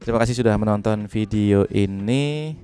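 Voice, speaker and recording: Low, mellow man explaining. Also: normal speed, clean tone. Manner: relaxed, step-by-step explaining with fillers. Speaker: music production tutor. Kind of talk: software tutorial. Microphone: studio microphone into a sound card.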